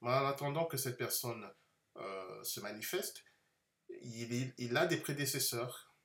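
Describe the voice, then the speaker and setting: A man giving an unscripted Bible lesson, explaining slowly and carefully with frequent hesitations. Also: mid-range voice, fairly bright tone. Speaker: Bible teacher. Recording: echoey room.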